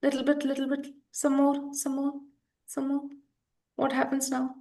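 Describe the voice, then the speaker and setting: Woman, high voice, earnest practitioner who leans on repetition. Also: completely flat delivery, normal speed, mellow. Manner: earnest, repeats words for emphasis. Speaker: EFT practitioner guest. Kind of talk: conversational explanation.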